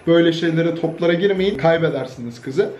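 A man's voice: fairly high pitch, fast, a little mellow, a little hiss or hum. A young man from Turkey chatting casually in a vlog, joking, swearing freely and laughing often. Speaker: YouTuber.

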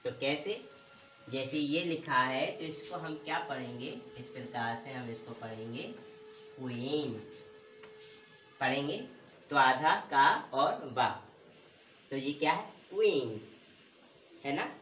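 Male teacher, pronunciation lesson, slow, asks and answers himself, echoey room, faint background noise. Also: mid-range voice, bright, forceful tone, recorded from a distance. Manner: asks questions and answers them himself, repeats words slowly. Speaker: English teacher. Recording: roomy echo, voice from off the mic.

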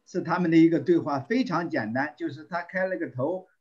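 A man teaching a volunteer English class over an online call. He reads phrases slowly and repeats them, with many fillers and throat clearing. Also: on the high side, a little mellow, highs cut off.

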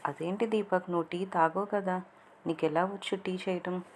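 Woman reader as a lovesick young woman, soft-spoken, low voice, faint hiss. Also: fairly even intonation, normal speed, close to an everyday voice. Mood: playful. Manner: emotional, soft-spoken confession. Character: heartbroken young woman in love, quietly patient.

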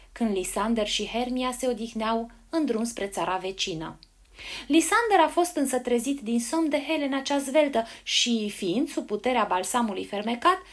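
Woman reading a fairy tale aloud. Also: on the high side. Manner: expressive storybook narration. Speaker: storyteller.

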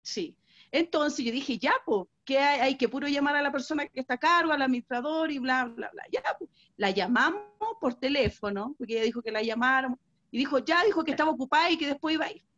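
A woman's voice: high-pitched, fast talker. Chilean woman telling a story, dull audio. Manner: animated storytelling with quoted voices. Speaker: workshop participant. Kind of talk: anecdote in online training.

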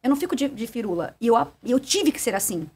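A woman DJ from Brazil, a guest on a podcast, talking in a direct and animated way and telling stories with quoted voices. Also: fairly high pitch, fast, a little hiss or hum. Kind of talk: casual interview chat.

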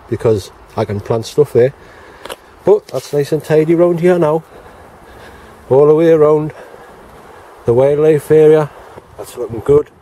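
Un hombre de mediana edad con acento británico habla con naturalidad mientras recorre su huerto al aire libre, grabándose con una cámara en mano. Su voz es apagada y suave. Se oye un leve ruido exterior de fondo. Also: male voice, medium pitch, dark tone, slight background noise. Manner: chatty, plain-spoken, talks to viewers as he walks round. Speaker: allotment gardening vlogger. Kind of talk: casual walk-and-talk vlog. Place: outdoor allotment garden in light rain. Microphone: handheld camera, self-filmed.

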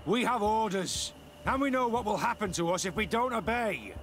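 Young recruit for a game: frightened, unsure, high-pitched, faint night insects. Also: male voice, lively intonation, normal speed, fairly bright tone, slight background noise. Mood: anxious, torn. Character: frightened, wavering young male army recruit. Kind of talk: video game voice acting.

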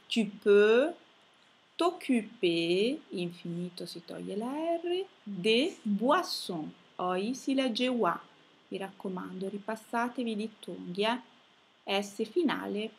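A woman teacher works through a reading lesson at a very unhurried pace. Her voice has a slightly husky, breathy edge. She spells out each word sound by sound and marks which letters stay silent. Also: mid-range voice. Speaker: French teacher. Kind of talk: slow phonetics lesson for students.

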